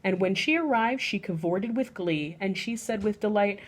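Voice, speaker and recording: A woman with a mid-range voice reads a rhyming children's picture book aloud at bedtime. She is expressive and measured, lingering on the end of each line.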